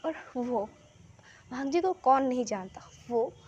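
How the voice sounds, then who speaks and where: A woman tells a fan story in a chatty, casual manner, pausing to comment on the characters. Her voice sits high. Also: expressive, a little mellow, husky, lo-fi sound. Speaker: story narrator.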